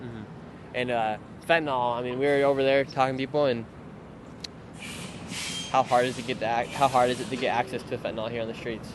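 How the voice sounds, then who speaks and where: A man doing live street interviews outdoors, asking quick, eager questions. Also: mid-range voice, flat delivery. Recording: loud street and traffic noise.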